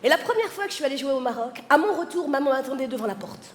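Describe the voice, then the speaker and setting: A woman doing stand-up, telling a family story in a lively way and acting out her mother's lines. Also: high-pitched, racing, a little hiss or hum. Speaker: stand-up comedian. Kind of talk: stand-up routine. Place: large concert hall. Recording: echoey hall reverb from a live stage.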